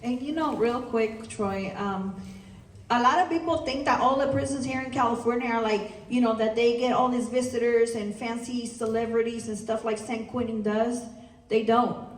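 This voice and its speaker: A woman speaks earnestly at a public talk, her slightly high voice leaning on "you know" as she makes her points. She is picked up from a distance, and the large room rings around her. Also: fairly even intonation, moderate pace. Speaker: guest speaker. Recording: roomy distant live recording.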